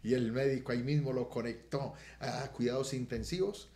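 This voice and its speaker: A middle-aged man, a pastor giving an earnest testimony on a podcast that swells loud and emotional. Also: mid-range voice, steady tone, moderate pace, reverberant. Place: podcast studio room.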